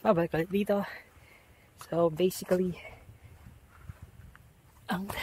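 A man's voice: high-pitched, noisy background. A young man vlogging on a forest hiking trail, chatting loosely while he walks, switching between English and Tagalog. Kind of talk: casual hiking vlog talk, mixing English and Tagalog. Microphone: wide-angle action camera on a chest or arm mount. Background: background music.

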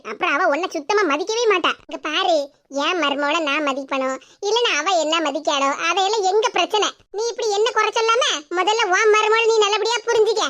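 A woman's voice: extremely high pitch, sharp tone. A woman voicing a sweet, fussing older mother-in-law in a cartoon, speaking with a Tirunelveli Tamil accent. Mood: firm. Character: affectionate older mother-in-law, doting and cheerful. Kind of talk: cartoon voice acting.

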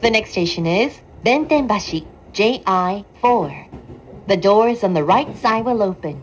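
A woman announcer reads scripted station announcements on a train, calm, formal, and deliberate. It comes through a dull train PA with clear rumble, over the noise of the running train.

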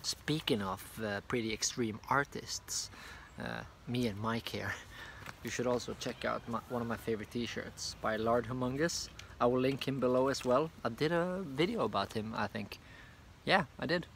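This is a young comic artist from Norway with a Norwegian accent, rambling casually with many fillers in a video review made on an outdoor park bench beside a hedge. His mid-range voice sounds fairly bright at normal speed, and the phone camera held at arm's length picks up a little hiss or hum.

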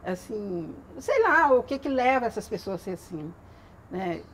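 A woman's voice: mid-range voice, a little slow, a little hiss or hum. A woman from Brazil who works at a women's police station, chatting casually on a TV show and telling funny anecdotes with frequent laughter. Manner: animated storyteller, laughs often.

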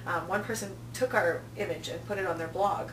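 A woman in her thirties, a festival programming director, speaks casually as an interview guest, telling anecdotes and acting out quoted remarks. Her voice is on the low side with fairly even intonation and a fairly quick pace. The recording, made in a small indoor office, sounds roomy, with a distant mic and noticeable hum.

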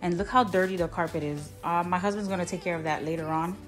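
Filming on a handheld phone, a woman who vlogs about her home talks fast in a lowish voice, wandering and self-correcting as she walks through the kitchen and playroom of her big, bright house and shows what she bought. It's a casual clean-with-me narration. The sound is roomy, and soft music plays underneath.

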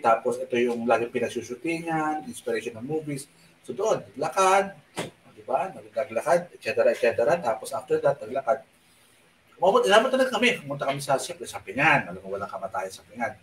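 A man hosts a casual live stream, rambling through a story with many fillers and restarts. He keeps his voice low on purpose. The sound is roomy, and he sits back from the microphone. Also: distant mic, slight background noise. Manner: speaks softly on purpose at night. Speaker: online show host.

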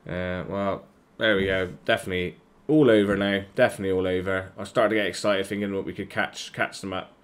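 Male gamer, lower voice, live reaction commentary, swears and rants at his players. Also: fairly even intonation, a little fast, few pauses. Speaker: gaming YouTuber. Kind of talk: live reaction commentary over a football management game.

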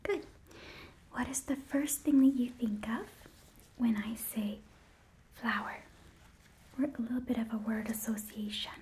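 A young woman in her twenties with a Midwestern American accent, doing a gentle, coaxing whispered role-play as a school nurse, close to the mic. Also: fairly high pitch, fairly even intonation, unhurried, pauses often, poor audio. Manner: gentle, coaxing, as if tending a child. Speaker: ASMR performer playing a school nurse. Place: small indoor room set up as an office.

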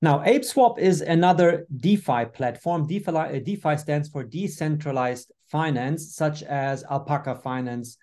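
A man's voice: fairly high pitch, measured pace, few pauses, a little mellow. A man hosting a business webinar over a video call, upbeat, with frequent fillers. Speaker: webinar host.

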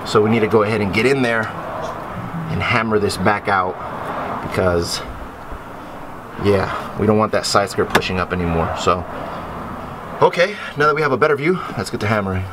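A man's voice: on the low side, lively intonation, normal speed, long pauses, heavy background noise. A man chatting casually as he works on a car in a garage, explaining each step to the camera as he moves around. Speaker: car project vlogger.

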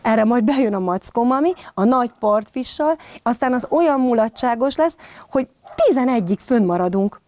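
A woman's voice: fairly high pitch, expressive, a little mellow, no room sound, pitched above the performer's own voice, natural voice. A woman voicing a small, mischievous boy bear cub who whines and pleads in a storybook reading. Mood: gleeful. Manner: whiny, pleading.

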